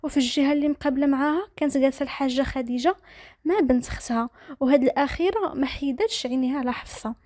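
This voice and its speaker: A woman storyteller with a Moroccan accent narrates briskly in a high, quick voice. Her tone is dark and mellow, and the close mic sounds dry. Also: dry recording.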